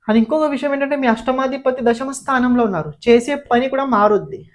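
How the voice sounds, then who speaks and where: A woman astrologer with a fairly high, slightly mellow voice gives a horoscope forecast. She explains planetary positions, offers viewers direct advice, and often repeats key phrases for emphasis.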